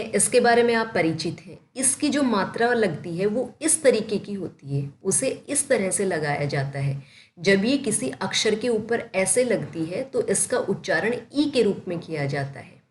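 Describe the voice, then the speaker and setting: A woman teaching Hindi to young children, sounding out each syllable slowly and then asking and answering her own questions. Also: medium pitch, a little mellow, slight background noise. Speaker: primary school Hindi teacher. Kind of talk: slow spelling-out lesson for children. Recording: echoey room.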